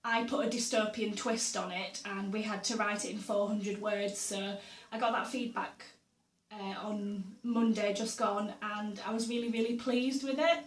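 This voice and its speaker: A young woman who vlogs about books chats casually to camera about her reading and her week, friendly and loose, with frequent ums, uhs and small laughs. A sore throat makes her voice a little hoarse. Her pitch is medium, her tone steady and pace moderate, and the audio is roomy and echoey, as if she sits back from the mic.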